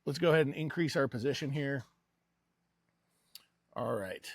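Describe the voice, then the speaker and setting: Guy doing a casual money vlog w a cigar in his mouth, bit husky, dry close sound. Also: medium pitch, normal speed, no echo. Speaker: host of a personal investing vlog. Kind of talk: casual vlog commentary while placing trades.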